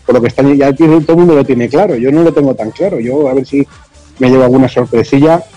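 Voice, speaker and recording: A man's voice: medium pitch, quick pace, dark tone, no echo, highs cut off, soft background music. A man with an accent from Spain chatting casually as a podcast panelist. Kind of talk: casual chat.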